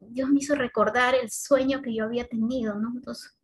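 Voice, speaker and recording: A woman giving a personal faith testimony as a mother, speaking in a heartfelt, halting way with restarts and tag questions. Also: a little high, fairly even intonation, rough recording.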